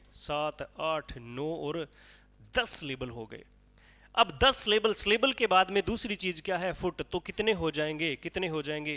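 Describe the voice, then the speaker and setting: A man's voice: fairly high pitch, vocal fry, bright, forceful tone, long reverb tail. A male teacher giving a classroom lecture on poetic meter, explaining step by step with repeated rhetorical questions and counting aloud.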